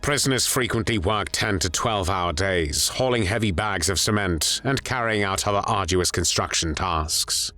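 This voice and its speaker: Man, low voice, grave measured documentary narration, faint music underneath. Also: pushed and bright.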